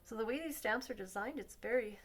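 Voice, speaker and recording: A woman's voice: a little high, a little fast. A woman hosting a craft tutorial, talking casually as she colors and thinking aloud, sometimes dropping to a near-whisper. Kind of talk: casual demo narration while coloring.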